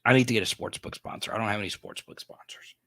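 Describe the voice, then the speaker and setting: Reading viewer comments on his sports podcast livestream, this thirtysomething man chats casually, laughs a lot and trips over restarts. He talks quickly in a lowish, sharp-toned voice, and the recording has no echo.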